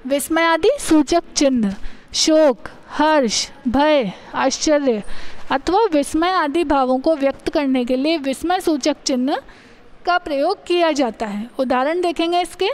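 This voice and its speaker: A woman school teacher with an Indian accent explaining a grammar lesson, slowly reading out examples. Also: high voice. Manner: slow, explanatory, reads out examples.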